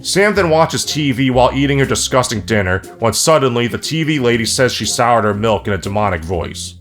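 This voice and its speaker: A man narrating a comedic movie review in a sarcastic, profane, deadpan way. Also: mid-range voice, brisk, soft background music. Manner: snarky, profane, deadpan jokes.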